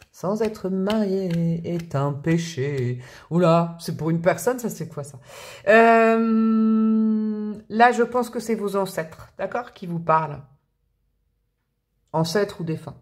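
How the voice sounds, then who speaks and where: A woman's voice: medium pitch, a little mellow. Chatty woman giving a tarot reading. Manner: chatty, thinking aloud with many fillers and restarts. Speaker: tarot reader. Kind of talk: casual spoken tarot reading to viewers.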